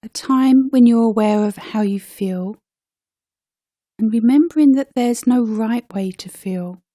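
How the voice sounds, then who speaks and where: A woman with a slightly high, soft, mellow voice guides a meditation at a very slow pace. She delivers short phrases gently, spacing them out as a teacher might, and the audio is dry with no surrounding room sound.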